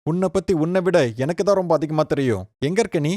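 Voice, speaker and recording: A woman voicing a kind, protective young man in a cartoon story, with a lowered, earnest voice. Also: fast, warm tone, dry recording, clean studio sound, natural voice. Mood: caring.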